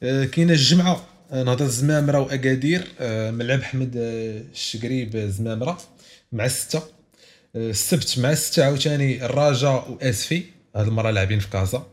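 A man with a Moroccan accent hosts a casual football podcast, talkative and insistent, slipping French words into his chat. His voice is medium in pitch and quick.

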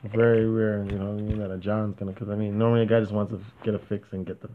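Low-voiced man debating on a tinny line. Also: little pitch movement, racing, background noise. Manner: rambling, argumentative, many asides like "you know what I mean". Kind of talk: casual conversation. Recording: tinny phone-like audio.

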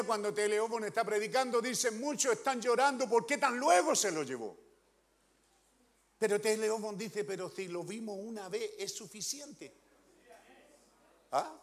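High-voiced preacher, swinging loud and soft. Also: male voice. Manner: emphatic, questioning the congregation, swinging loud and soft. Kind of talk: sermon.

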